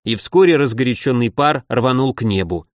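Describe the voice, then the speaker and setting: A man's voice: mid-range voice, lively intonation, moderate pace, dry recording, clean studio sound. A man giving a wry, conversational first-person audiobook narration.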